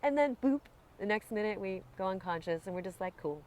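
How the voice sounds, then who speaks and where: Animated woman chatting about energy. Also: medium pitch, a little fast, low-quality recording. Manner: animated, swears freely. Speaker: guest. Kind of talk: casual spiritual conversation. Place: outdoors in Hawaiian upcountry.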